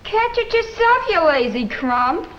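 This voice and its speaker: A woman's voice: extremely high pitch, very animated, measured pace, dull audio, slight background noise, exaggerated voice. An actress playing a brassy, defiant young woman who talks in coarse street slang, in a 1950s TV drama.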